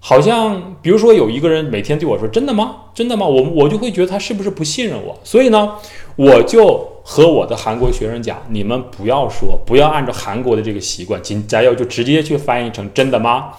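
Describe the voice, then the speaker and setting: A man who teaches Chinese, talking casually and mimicking how his students pronounce words. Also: mid-range voice. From mainland China. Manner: lively, imitates students' careful tones and slow syllables. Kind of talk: casual talk to camera. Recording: echoey room.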